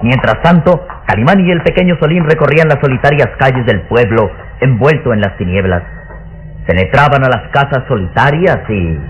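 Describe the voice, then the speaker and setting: A man's voice: mid-range voice, lively intonation, normal speed, faint music behind, natural voice. A man narrating a gothic radio serial like an old serial announcer, solemn, theatrical and full of suspense. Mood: urgent. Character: grave storyteller of a gothic adventure serial. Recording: dull, noisy old radio recording.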